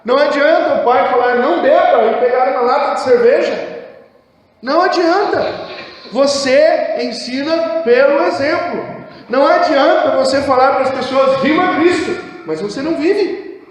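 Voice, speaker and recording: A man with a Brazilian Portuguese accent preaching a sermon as pastor, with impassioned delivery that swings between hushed low phrases and raised exhortation, recorded in a church hall. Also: normal speed. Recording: echoey church hall with long reverb.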